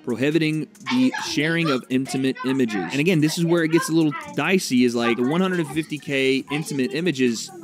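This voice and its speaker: A man's voice: fairly high pitch, fairly quick, hardly any pauses. Man reading and commenting on news. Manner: reads report text then adds own opinion. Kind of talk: casual commentary reading articles.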